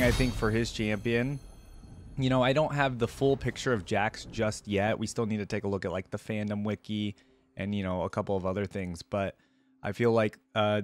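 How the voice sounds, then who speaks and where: Hosting a reaction video, a man with a lowish voice and no echo chats casually with viewers, thinking aloud as he comments. He's reacting to game music and artwork.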